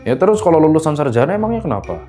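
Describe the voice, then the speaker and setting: A man voicing a touchy, lazy young male graduate who cannot find work, answering politely in a low murmur. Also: very animated, very fast, mellow, soft background music. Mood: sheepish.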